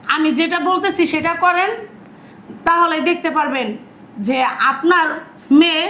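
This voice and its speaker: A woman's voice: high-pitched, bright, forceful tone, a little hiss or hum, exaggerated voice. An actress playing a stern elder sister who lectures her younger sister. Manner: reproachful, lecturing. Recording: echoey room.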